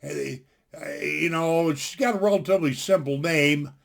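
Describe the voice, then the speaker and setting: Ranting casually to camera from home, this sixtysomething vlogger speaks at normal speed in a fairly high, fairly bright voice with vocal fry, picked up by a desktop computer mic. He's blunt and folksy with strong opinions, and his sentences ramble and restart.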